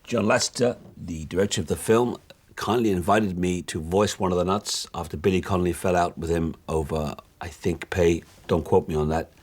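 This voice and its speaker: An actor playing a vain, oblivious rock musician, talking in a deadpan, rambling way full of little fillers. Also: male voice, low-pitched, normal speed, husky. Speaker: aging rock star. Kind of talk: mockumentary monologue.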